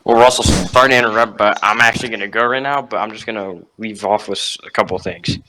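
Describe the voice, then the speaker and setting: A teenage boy co-hosting a casual podcast, cutting in with quick questions and announcements. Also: on the low side, bright, forceful tone, a little hiss or hum, low-quality recording. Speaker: podcast co-host. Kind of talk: casual chat.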